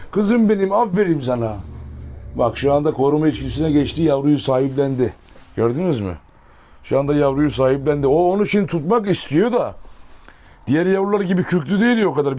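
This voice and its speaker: A man's voice: fairly high pitch, lively intonation, fast talker, a little mellow. A man talking casually to viewers while coaxing and praising his dogs by the pens. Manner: coaxing, affectionate commands to dogs. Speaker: dog breeder vlogger.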